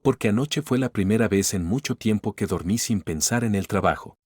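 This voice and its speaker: A man reading the lines of a guarded, cool-headed female chief executive in a storybook narration, terse and quiet. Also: fairly low pitch, a little fast, no echo, natural voice. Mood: subdued.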